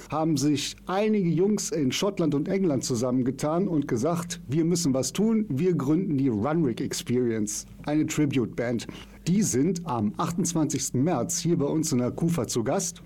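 A male radio podcast host with a husky, slightly breathy voice, chatty and keen about music. He presents and asks questions in an easy, enthusiastic way. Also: fairly high pitch, expressive, a little slow, mellow.

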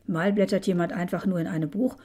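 A woman doing a calm, low librarian. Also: fast, close to an everyday voice. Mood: friendly. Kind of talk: storybook reading.

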